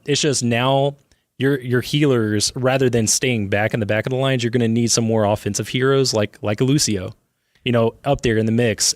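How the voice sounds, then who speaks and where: Relaxed man guesting on a radio show. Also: mid-range voice, no echo, clean studio sound. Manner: relaxed, many "I mean" fillers, enthusiastic. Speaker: interview guest. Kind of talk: casual radio interview.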